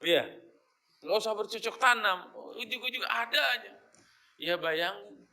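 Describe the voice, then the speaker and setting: A man with a fairly high, bright voice gives a Quran study lecture. He breaks down each Arabic phrase and explains it in a lively, teasing way. He slips easily into casual slang along the way. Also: a little slow. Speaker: Quran teacher.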